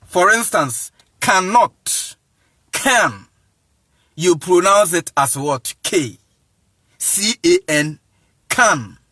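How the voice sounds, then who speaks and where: A man's voice: on the high side, pushed and bright, no echo, studio quality. A man with a Ghanaian accent, an evangelist giving a casual teaching talk to viewers. He switches between English and Akan, spells words out letter by letter and keeps checking that listeners follow. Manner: spells words out slowly, repeats "you see what I'm saying", chuckles often.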